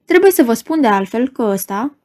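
A bleating, goat-like man's voice mocks and sneers at everyone, as a woman reader puts him on. He sits high and needles every line, a storybook trickster with no respect for anyone. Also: sing-song, mellow. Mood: mocking. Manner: sneering, mocking. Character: mocking lanky male magician's assistant, bleating.

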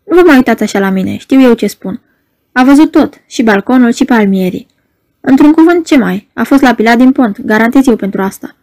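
A woman voicing an agitated young male poet who bursts out in excited, shouting protests in a storybook reading. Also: very high-pitched, no room sound.

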